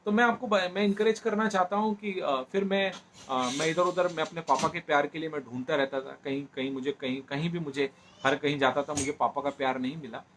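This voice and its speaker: A man's voice: a little high, a little fast, background noise. Man telling a personal testimony. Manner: storytelling, repeats phrases, many fillers. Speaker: speaker giving a personal testimony.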